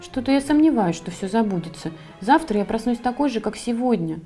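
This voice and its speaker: A woman's voice: on the high side, expressive, brisk, dark tone, soft background music, close to an everyday voice. A woman voicing a small, timid female forest creature who is gloomy and doubts herself, in a plaintive, worried way, reading a storybook aloud.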